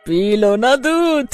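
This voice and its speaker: A woman voicing a vengeful female witch-faced lizard that taunts slowly and cackles. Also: deep voice, creaky, heavily acted. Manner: slow, drawn-out taunting with cackling laughs.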